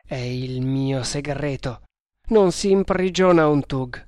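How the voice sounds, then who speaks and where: A desperate, threatening man from an adventure story, as an audiobook reader puts him on. He gives orders slowly and heavily, each word a warning. The sound is dry and close, with no room around it. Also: mid-range voice, a little mellow, no echo, natural voice. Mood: menacing. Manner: threatening, commanding. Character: fierce, desperate Indian man sworn to kill. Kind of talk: audiobook reading of an adventure novel.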